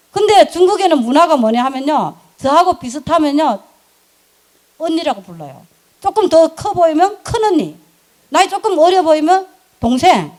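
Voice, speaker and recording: A middle-aged woman, telling her business story in an animated, emphatic way and laughing often. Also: sits high. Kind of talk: lively storytelling talk.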